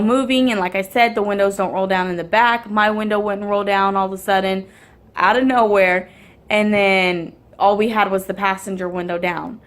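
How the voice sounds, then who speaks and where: This is a woman in her twenties or thirties, speaking straight to the camera in a casual storytelling vlog. She rambles, restarts sentences and fills the gaps with um and you know. Her pitch sits in the middle of the range. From Houston area, Texas. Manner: rambling, many ums and restarts. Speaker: vlogger and mother.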